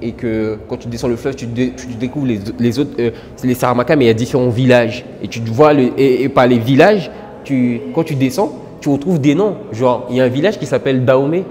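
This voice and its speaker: A man's voice: medium pitch, a little fast, a little mellow, in a large hall. A man from French Guiana in a casual interview, earnest, with many filler words and restarts. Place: indoor exhibition gallery.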